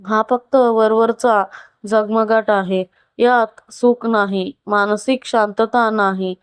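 A woman voicing a wealthy, lonely, unhappy middle-aged wife who confides slowly and from the heart in a storybook tale. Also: on the high side, steady tone, smooth, no room sound. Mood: bitter confiding.

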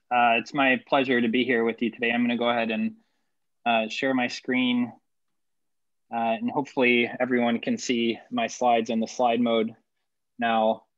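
A man's voice: medium pitch, fairly bright tone, dry recording. A man presents his research over a video call, talking loosely with frequent fillers and repeated words. The audio is dry and slightly muffled, with no room sound around the voice. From El Salvador, raised in Ohio. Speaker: engineering professor presenting research.

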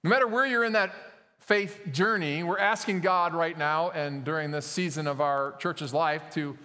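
A man's voice: fairly high pitch, normal speed, pushed and bright. A male pastor preaching a sermon in a conversational way, with frequent fillers and self-corrections, recorded in a church sanctuary. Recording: long church hall reverb.

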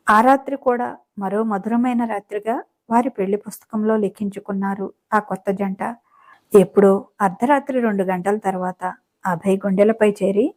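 Soft-voiced woman narrating a romance. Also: mid-range voice. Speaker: storyteller. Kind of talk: scripted narration of a romance story.

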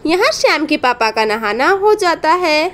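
A woman narrates a village doll story in simple, plain words. Her voice is very high. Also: very animated, normal speed, fairly bright tone, a little hiss or hum.

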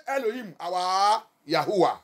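High-voiced pastor preaching in two languages. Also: male voice, expressive, slow pace. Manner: preaching with sharp swings between loud and soft; switching between French and English. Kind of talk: bilingual sermon.

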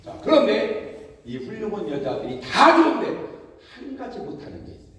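Male pastor, high and very lively pitch, comic revival sermon, echoey church hall from far off. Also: normal speed. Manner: animated storytelling with mimicked voices and laughter.

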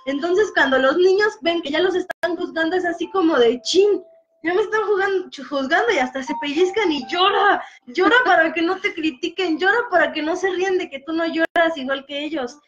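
A woman discussing a novel in casual chat, expressive and acting out the voices she quotes. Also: very high voice, brisk, hardly any pauses. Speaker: book discussion host. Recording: dull lo-fi sound with faint music behind.

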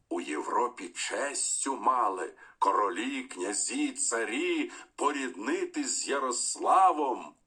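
A man giving an expressive, declamatory reading of a poem for a school lesson. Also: lowish voice, husky. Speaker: poetry reader. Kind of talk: expressive poetry recitation.

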